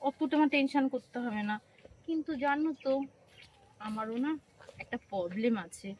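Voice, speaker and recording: A woman playing a bold, self-assured new bride who talks brashly and fast, in a comedy skit. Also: a little high, expressive, darkish tone, slight background noise, natural voice, rough recording. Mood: coaxing.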